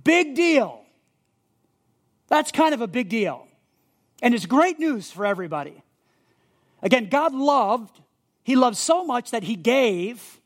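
A man's voice: very high-pitched, very animated, a little slow, long pauses. A male pastor teaching a sermon, earnest and emphatic, repeating key words for listeners to underline in their notes.

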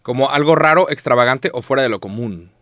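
A man's voice: mid-range voice, a little fast, a bit bright, dry recording, clean studio sound. A young Mexican man co-hosting a podcast, joking loosely and using crude slang. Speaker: podcast co-host. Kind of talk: casual chat.

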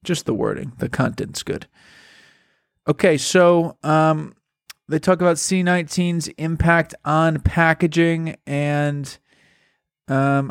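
Gravelly-voiced man hosting a packaging show. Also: fairly high pitch, dry recording, clean studio sound. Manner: animated, emphatic, repeats words for stress. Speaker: podcast host. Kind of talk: casual commentary reading a study aloud.

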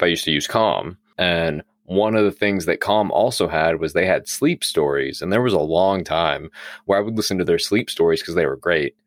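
Very deep-voiced blunt man podcaster. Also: fairly bright tone, dry recording, clean studio sound. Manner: blunt, profane storytelling. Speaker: podcast co-host. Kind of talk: casual chat.

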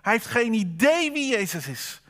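A man's voice: high voice, very animated, normal speed, a bit bright. A man preaching a sermon at a church service, in a conversational way, asking the congregation rhetorical questions.

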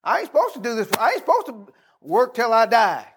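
A middle-aged American man with a notably high-pitched voice preaches as a pastor. His sermon is informal and folksy, more like conversation than oratory. He repeats phrases and prompts his listeners to respond. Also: huge pitch swings, a little fast, a bit bright, slightly rough.

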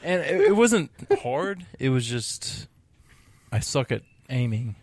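A man chatting on a game podcast in a laid-back, dry way. He speaks very slowly, with lots of rise and fall in his voice. The recording is dry and close. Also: mid-range voice, sing-song, darkish tone, no echo. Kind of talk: casual game discussion.

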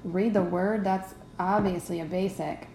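A woman's voice: on the low side, steady tone, unhurried, mellow, reverberant, a little hiss or hum, low-quality recording. A woman hosting a devotional teaching podcast, talking conversationally and often checking in with her listeners. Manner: conversational, checks in with "right?" and "okay?". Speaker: podcast host teaching faith.

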